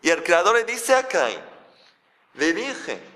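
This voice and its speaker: A rabbi gives a sermon in a fairly high, bright voice. He keeps asking his listeners rhetorical questions, and his pitch swings widely as he preaches. The room carries a long reverb. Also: big pitch swings, takes it slowly.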